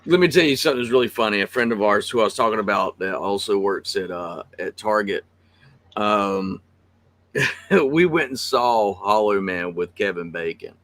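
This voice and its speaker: A man co-hosting a casual podcast, an animated storyteller who laughs often. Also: fairly low pitch, normal speed. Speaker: podcast co-host.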